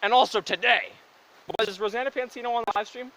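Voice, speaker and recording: A man's voice: very high voice, fairly even intonation, fast talker, pushed and bright, poor audio. A man co-hosting a casual podcast chat with his brothers, upbeat and joking, rambling with enthusiasm and an uneven pace. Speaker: podcast co-host.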